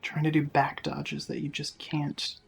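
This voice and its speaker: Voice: medium pitch, completely flat delivery, measured pace, vocal fry, faint music behind. A player giving casual gameplay commentary, offhand and often muttering while concentrating on the game. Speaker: video game streamer.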